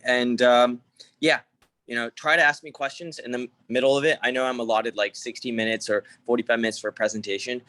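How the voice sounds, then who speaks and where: A young man from Hong Kong gives a casual conference talk over a video call, speaking informally with many fillers and restarts. His medium-pitched voice is fairly even, a bit bright and slightly fast, in a dry recording.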